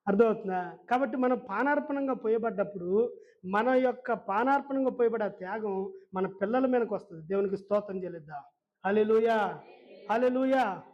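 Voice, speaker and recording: A man's voice: sits high, fairly quick, muffled recording. A male pastor preaching a sermon in a church, emphatic and firing rhetorical questions at the congregation.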